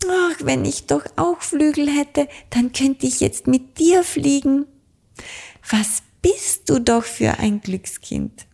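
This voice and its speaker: A woman's voice: high voice, takes it slowly, vocal fry, pitched above the performer's own voice, heavily acted. Woman putting on a bubbly little witch. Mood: excited, encouraging. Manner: eager, excited encouragement. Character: little witch girl, cheerful and encouraging. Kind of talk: children's audiobook reading.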